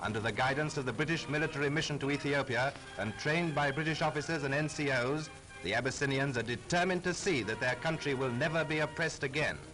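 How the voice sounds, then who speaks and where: A man narrating an old newsreel in a brisk, formal, patriotic manner. His voice sits at an ordinary middle pitch. Loud music plays under him on the vintage soundtrack. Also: rough recording. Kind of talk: 1940s wartime newsreel narration.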